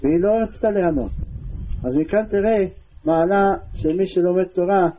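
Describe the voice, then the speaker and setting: A man teaching a Torah lesson, telling stories in an animated way, in a slightly dull lo-fi recording. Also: high-pitched, slight background noise. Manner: storytelling, animated retelling. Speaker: religious teacher.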